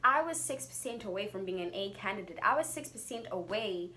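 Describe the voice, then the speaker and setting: A woman's voice: medium pitch, animated, a little fast, sharp tone. Young South African woman vlogging over background noise. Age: young adult. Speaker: YouTuber telling a personal story. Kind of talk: casual storytime vlog.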